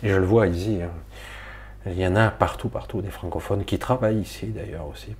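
A man's voice: deep voice, a little fast, darkish tone. A middle-aged man from Marseille, rambling casually and colloquially to viewers of his spiritual live stream. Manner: rambling, colloquial, swears, talks to viewers directly.

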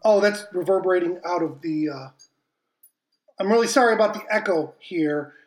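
A man's voice: high-pitched, normal speed. A man hosting a music podcast, casually rambling and apologizing through an echoing, reverberating sound from his broken mic setup, with many fillers. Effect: echoey reverberating sound from a broken mic setup. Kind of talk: casual chat introducing songs. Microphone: faulty home podcast mic.

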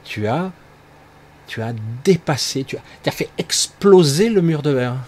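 A man speaking in a fairly high, animated voice, a little slow and darkish in tone, gives a loose talk on spiritual growth as a spiritual speaker. His monologue wanders with many fillers and tag words, and there's a slight hiss or hum.

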